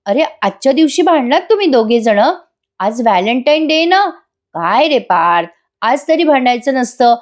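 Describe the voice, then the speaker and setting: A woman's voice: high-pitched, expressive, moderate pace, a little mellow. A woman voicing a sweet-talking young woman who meddles and taunts with mock sympathy, in a retold TV-serial scene. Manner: sugary, mock-sympathetic, teasing.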